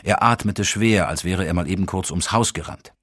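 A man reads a novel aloud in a calm, measured audiobook narration. His voice sits low, and the recording is dry and close, with no room sound. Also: no echo. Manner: calm, measured reading with lightly acted dialogue.

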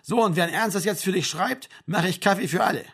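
A woman's voice: on the low side, quick pace, slightly rough, pitched above the performer's own voice. A man voicing a stern, indignant middle-aged mother who scolds her family in an audiobook. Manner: indignant, sharp, nagging.

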